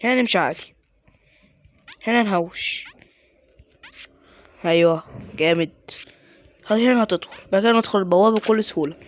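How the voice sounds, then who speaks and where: A gaming YouTuber with an Egyptian Arabic accent talks through his gameplay in a high, fairly quick voice full of pauses. He mutters to himself, mocks his own mistakes, and now and then bursts out in exasperation.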